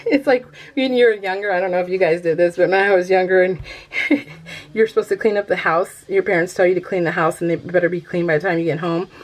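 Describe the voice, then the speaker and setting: Showing off a craft project, an American woman talks to her viewers in a lowish, steady voice at a brisk pace over a rough recording. She rambles, giggles, teases herself and frequently loses her thread mid-thought.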